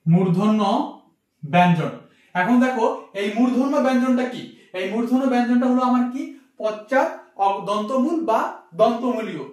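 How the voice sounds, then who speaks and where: High-voiced man tutoring in an echoey room. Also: normal speed, pauses often, darkish tone. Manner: repetitive, quizzing, asks "ঠিক আছে?" often. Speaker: admission test tutor. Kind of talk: spoken grammar lesson. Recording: echoey room, distant from mic.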